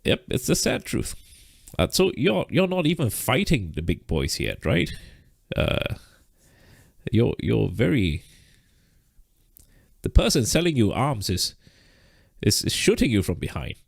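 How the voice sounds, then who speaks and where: A man's voice: fairly low pitch, wildly swooping pitch, measured pace, gravelly, long pauses, no room sound, studio quality. A man teaching a live trading lesson, explaining step by step and checking in with "right?", short of breath. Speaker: trading instructor.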